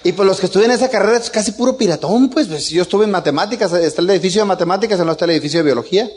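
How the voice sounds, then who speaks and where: A man's voice: high-pitched, racing, darkish tone. A middle-aged man with a Mexican accent telling a casual family anecdote, joking and chuckling as he goes. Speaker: father telling a story.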